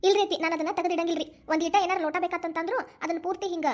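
A woman voicing a strict young mother and daughter-in-law in a cartoon, with a North Karnataka Kannada accent, brisk and scolding. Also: extremely high pitch, steady tone, darkish tone. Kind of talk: cartoon voice acting.

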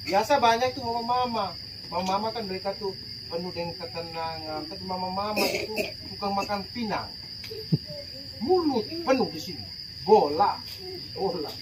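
A middle-aged man with a Papuan Indonesian accent preaching a sermon, lively and quizzing the congregation. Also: high-pitched, moderate pace. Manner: lively, asks the congregation questions. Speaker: priest. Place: outdoor open-sided tent at night. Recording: loud insect noise from far off.

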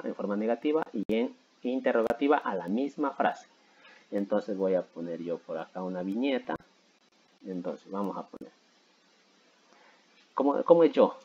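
Low, mellow-voiced man teaching grammar. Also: slightly rough, dull audio. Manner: patient, repeats himself with many "¿sí?" and "¿no?" check-ins. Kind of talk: explaining grammar to school students.

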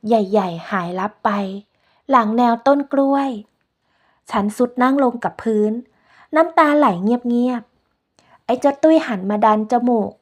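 Woman narrator, soft and unhurried, voice sitting a bit high, reads a scripted first-person story. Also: expressive.

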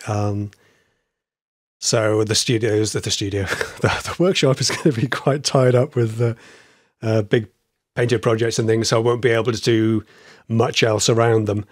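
A man in casual podcast chat as a host, with a slightly wheezy, croaky voice and a rambling, stop-start delivery. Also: on the low side, steady tone, normal speed, dry recording, studio quality.

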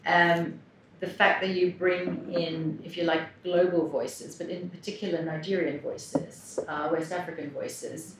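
A woman interviewer asking questions haltingly. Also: lowish voice, flat delivery. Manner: hesitant, halting. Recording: roomy, distant mic, faint background noise.

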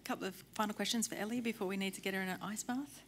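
A woman moderating a press conference, briskly calling on reporters and wrapping up. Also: mid-range voice, steady tone, a little hiss or hum.

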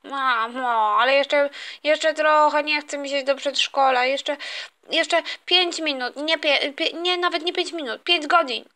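A woman's voice: sits high, unhurried, bright, forceful tone. Woman doing a whiny little boy. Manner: whining, complaining, stammering. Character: young boy skipping kindergarten, whiny and scheming. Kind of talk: toy play storytelling.

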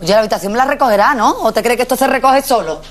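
A middle-aged actress playing a brash, bossy, quick-tempered working-class mother in a sitcom. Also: fairly high pitch, lively intonation, slight background noise, close to an everyday voice. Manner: bossy, scolding, loud and blunt. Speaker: mother of the family. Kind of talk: sitcom acting.

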